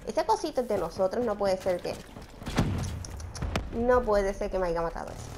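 Gamer puertorriqueña joven, comentario excitable de partida, tono muy animado, grabación con ruido del juego. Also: female voice, medium pitch, normal speed, background noise. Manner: excitable, shouts and shushes as she plays. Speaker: gaming channel host. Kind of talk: live gameplay commentary.

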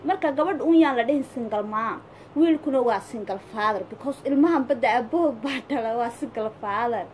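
A woman's voice: fairly high pitch, fast talker, a little mellow. A woman with a Somali accent giving casual, opinionated advice in an emphatic, pleading way, repeating phrases for stress. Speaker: social media commentator giving advice. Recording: clear background noise.

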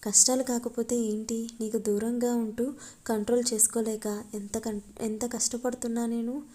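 Flirty husband in a storybook, woman reading it, dark mellow, pretty flat. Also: fairly high pitch, moderate pace, lightly acted. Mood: flirtatious.

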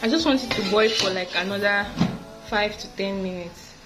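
A woman's voice: medium pitch, normal speed, over music, poor audio. A young woman chatting casually to her phone camera in a student vlog. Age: young adult. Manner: chatty, relaxed, talks straight to camera. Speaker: student vlogger. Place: small apartment room and kitchen, indoors.

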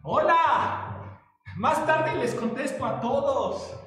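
A man's voice: very high voice, takes it slowly, fairly bright tone. A man with a Mexican accent leading a live exercise class, playful and coaxing as he calls out counts and cues. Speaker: fitness instructor. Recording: echoey hall from far off.

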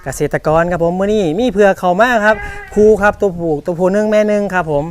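Fast, high-pitched Isan Thai man selling live. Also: fairly even intonation. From northeastern Thailand. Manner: polite, repetitive, ends phrases with polite particles. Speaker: livestock seller.

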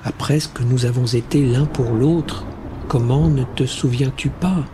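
A man's voice: medium pitch, a little slow, background noise, close to an everyday voice. A man voicing a passionate, pleading young woman in an audiobook.

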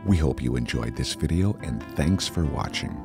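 A man giving a calm, step-by-step scripted voice-over for a software tutorial. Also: extremely low pitch, moderate pace, faint music behind. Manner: calm, step-by-step instructional delivery.

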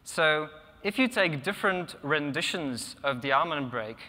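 A young man whose first language is Polish gives a technical conference talk from a lectern in a large hall, his fairly high, sharp-toned voice animated but unhurried. He sounds thoughtful, with many ums and restarts, picked up by the lectern microphone with long hall reverb.

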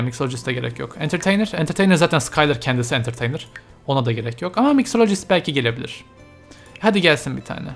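A let's-player giving casual, chatty commentary while playing, exclaiming and talking to the game characters, with English game terms mixed in. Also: medium pitch.

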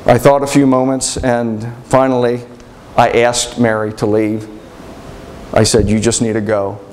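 An actor playing Joseph, a troubled adult man, telling his story in an earnest, halting, emotional way. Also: mid-range voice, steady tone, a little mellow, slight background noise, lightly acted, low-quality recording. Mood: distressed. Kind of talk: dramatic monologue storytelling.

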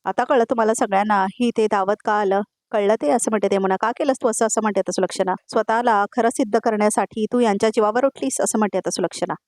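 Woman, serial recap voice-over, rapid delivery, dry close sound, retells dialogue line by line, talks to viewers. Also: mid-range voice, darkish tone, dry recording. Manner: retells scenes line by line, tagging each quote; addresses viewers directly with asides.

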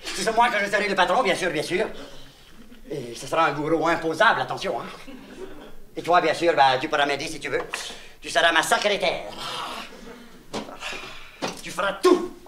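A slightly high, animated male voice near everyday speech moves at a moderate pace with long pauses, a crowd in the background. The Québécois comedian plays a naive, childlike vagabond clown, rambling and confiding to the listener through mangled words and puns, on a distant, echoey, noisy old LP.

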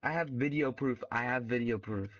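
A man's voice: mid-range voice, moderate pace, a bit bright. Urgent guy on a dull lo-fi mic. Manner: urgent, repetitive, insistent. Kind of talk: casual gameplay chat.

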